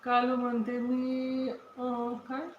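A woman's voice: fairly high pitch, completely flat delivery, extremely slow. Woman reading out comments on her live, roomy echo, a bit of hiss. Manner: chatty, greets viewers by name, repeats questions. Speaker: livestream host. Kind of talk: casual livestream chat reading viewer comments. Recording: roomy, dull lo-fi phone audio.

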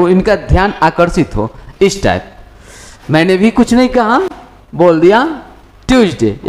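A man teaching a lesson, explaining each line slowly and checking in with "है ना". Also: high voice. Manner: explains each phrase, adds tag questions, mixes Hindi and English.

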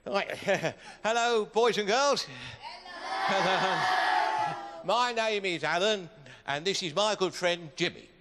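A man's voice: high voice, a loud crowd. Flustered older man, echoey stage. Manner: flustered, halting, repetitive. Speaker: ventriloquist. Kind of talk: children's stage comedy patter. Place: large indoor studio stage with audience. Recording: echoey stage hall with background noise.

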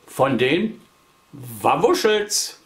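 A man's voice: mid-range voice, big pitch swings, extremely slow. A man reading a children's book aloud and inviting young listeners to join in. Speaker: storybook reader for children.

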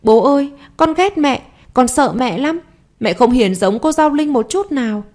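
A woman's voice: expressive, normal speed, a little mellow. A woman puts on a small boy's voice in a storybook audio drama, lifted well above her usual register. He sounds frightened and close to tears, his words pleading and strained. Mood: tearful. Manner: high, tearful pleading. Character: young boy, frightened and crying.

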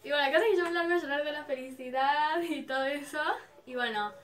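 A woman telling a giddy, animated story to her camera. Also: high-pitched, fast. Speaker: vlogger. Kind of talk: storytime about a dream.

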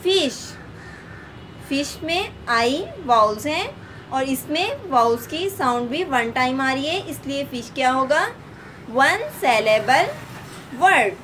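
Pakistani-accent lady teaching kindergarten english, spells out words super slowly, higher voice. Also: animated, fairly bright tone, slight background noise. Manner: slow, spells words letter by letter and repeats them. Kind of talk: recorded classroom lesson.

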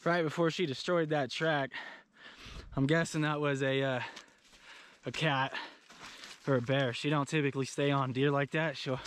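A man's voice: medium pitch, fairly even intonation, normal speed, fairly bright tone. A plain-spoken man with a Californian accent, walking and talking to camera in snowy mountain woods, out of breath as he gives tips. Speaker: outdoor vlogger.

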